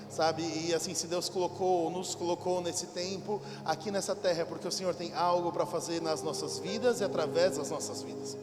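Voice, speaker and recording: High-voiced pastor in a reverberant hall. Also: male voice. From São Paulo, Brazil. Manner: fervent, repetitive prayer addressing God. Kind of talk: sermon and spoken prayer. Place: large church hall at a conference. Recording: hall reverb with music behind.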